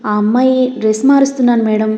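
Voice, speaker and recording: A woman voicing a caring middle-aged housemaid who speaks with gentle worry. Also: on the high side, steady tone, fast talker, roomy sound, lo-fi sound, lightly acted. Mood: worried. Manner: worried, gentle.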